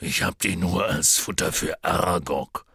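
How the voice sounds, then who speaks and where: A man voicing Hagrid, a grumpy giant, in a husky, gravelly, slow drawl. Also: low voice, sharp tone, no room sound, clean studio sound, voice pushed down, exaggerated voice.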